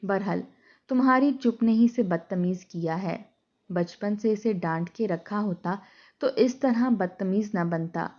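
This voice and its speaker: A woman's voice: mid-range voice, measured pace, lightly acted. A woman voicing an outspoken female neighbor who lectures bluntly. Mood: scolding. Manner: scolding, outspoken. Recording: dull lo-fi recording.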